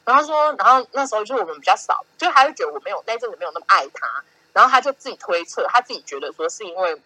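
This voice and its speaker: This young woman hosts a casual podcast chat with a Taiwanese Mandarin accent, her medium-pitched, slightly rough voice racing along. She tells stories animatedly, acting out quoted lines and laughing often. There's no echo, though the audio is poor.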